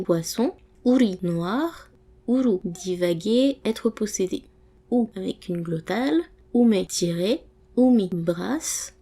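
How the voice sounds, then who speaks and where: Slow, mellow-voiced woman reading words. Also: mid-range voice. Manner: slow, careful word-by-word reading. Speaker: language teacher. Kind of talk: reading a vocabulary list aloud.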